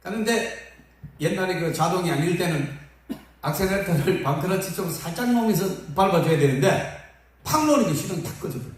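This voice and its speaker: A man preaching with a lively, rising and falling voice that swings up and down as he acts out funny stories. He is heard from a distance, and the church rings with a strong echo around him. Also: high voice, brisk. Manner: lively, humorous storytelling with acted-out quotes. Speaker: pastor. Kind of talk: sermon. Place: church sanctuary. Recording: echoey hall from far off.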